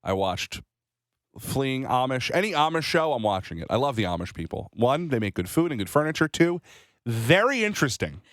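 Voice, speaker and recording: A man in his thirties co-hosting a morning show, telling rambling, animated stories with a slight cold. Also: mid-range voice, moderate pace, no room sound, clean studio sound. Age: 30s. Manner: rambling, animated storytelling with restarts. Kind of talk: casual radio chat.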